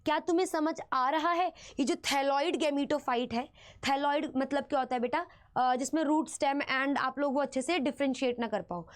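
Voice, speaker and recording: High-voiced Indian woman teaching biology. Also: moderate pace. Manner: addresses students as "beta", asks "theek hai?" constantly; mixes English terms into Hindi explanation. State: slightly sore throat. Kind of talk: online exam-prep lecture.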